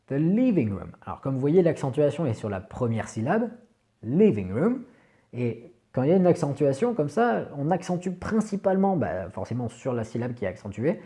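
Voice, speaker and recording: A man whose first language is French, patiently teaching English pronunciation in a video lesson and repeating each word slowly. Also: medium pitch, very animated, mellow.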